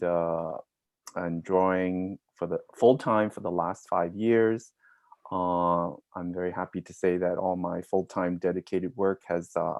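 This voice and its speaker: A painter on a video call introducing himself in a halting way with many restarts. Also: male voice, deep voice, darkish tone, no room sound. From Taiwan, raised in New York City. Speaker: painter and panelist.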